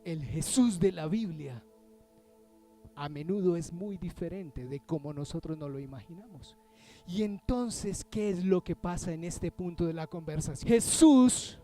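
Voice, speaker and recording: A man preaching a sermon as pastor, talking with the congregation through questions and swinging from loud emphasis to hushed near-whispers. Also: sits high. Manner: conversational, addresses the congregation with questions.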